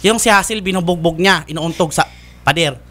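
A man's voice: a little high, fairly quick, sharp tone. A man giving earnest, insistent testimony as a witness, respectfully addressing the host. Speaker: witness, nephew.

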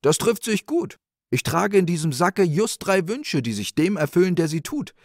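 A man voicing a humble, sly old wanderer in a spoken fairy tale, mild and gentle. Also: high-pitched, sing-song, normal speed, no room sound, clean studio sound, pitched above the performer's own voice, exaggerated voice.

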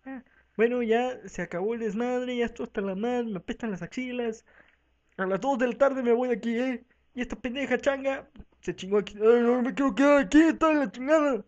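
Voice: mid-range voice, brisk, darkish tone, dull audio. A speaker with a Mexican accent doing a rowdy, profane comic parody dub of a talk show, voicing every part and switching between voices. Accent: Mexican Spanish.

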